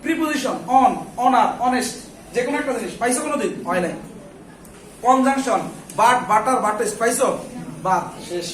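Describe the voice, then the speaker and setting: A man's voice: extremely high pitch, moderate pace, a bit bright, a little hiss or hum. A man teaching an English grammar class, firing questions at the students and answering them himself, and scolding anyone who chats. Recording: echoey classroom from far off.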